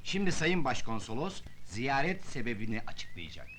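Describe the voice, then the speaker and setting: An actor playing a formal representative who reads documents aloud in a declamatory way, in a film drama. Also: male voice, medium pitch, big pitch swings, moderate pace, fairly bright tone, a little hiss or hum. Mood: solemn, formal. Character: formal male representative reading out a solemn testament. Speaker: representative of a deceased foreigner.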